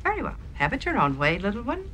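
A woman's voice: a little high, wildly swooping pitch, quick pace, sharp tone, heavily acted. An actress playing an overbearing, theatrical alien mother in a TV episode clip, imperious and grand.

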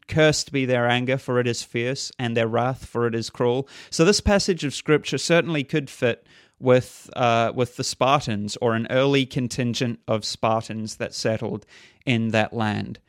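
A man presenting a scripted program on religious history, measured in manner, reading quotations aloud. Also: medium pitch, no echo, studio quality.

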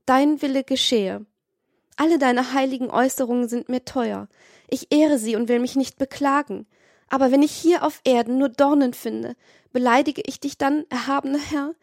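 A woman's voice: on the high side, normal speed, dry recording, studio quality, pitched above the performer's own voice, lightly acted. A woman reading as a young, innocent, wronged woman who prays tearfully and pleads with heaven. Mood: pleading prayer. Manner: tearful, imploring prayer. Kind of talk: dramatized audiobook reading.

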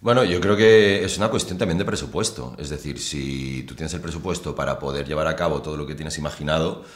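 A man, an actor, answering interview questions in a relaxed, reflective way with many fillers. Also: extremely low pitch, fairly quick, roomy sound. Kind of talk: casual interview talk.

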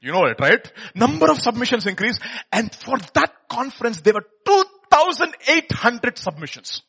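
Bright, forceful Indian-accented male preacher. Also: very high voice, sing-song, moderate pace, creaky, husky. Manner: emphatic, dramatic swings, repeating words, asking rhetorical questions. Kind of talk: animated sermon with personal testimony.

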